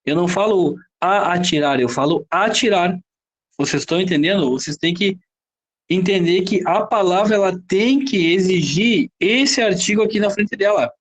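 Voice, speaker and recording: High-voiced Brazilian man teaching grammar. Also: moderate pace. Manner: explains with frequent rhetorical questions and "tá?" checks. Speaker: Portuguese teacher. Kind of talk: classroom lecture.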